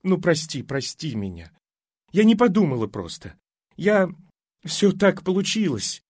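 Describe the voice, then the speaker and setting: A man voicing a tearful young wife who pleads with her husband, in a higher, strained voice. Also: big pitch swings, measured pace, darkish tone, no echo, clean studio sound, heavily acted. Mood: tearful pleading. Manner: pleading, breathless.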